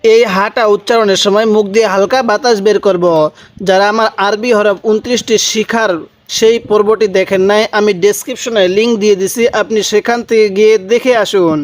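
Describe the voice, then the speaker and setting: High-voiced man teaching Quran letters. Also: steady tone. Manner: slow, drawn-out letter sounds, prompting viewers to answer. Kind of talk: Quran recitation lesson.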